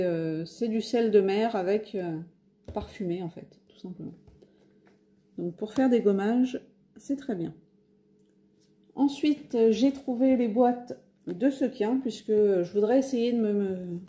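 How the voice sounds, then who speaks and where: Sitting at home near a window, a French woman casually shows off her craft shopping haul for a video. Her medium-pitched, dark voice moves at a measured pace, with many hesitations and fillers.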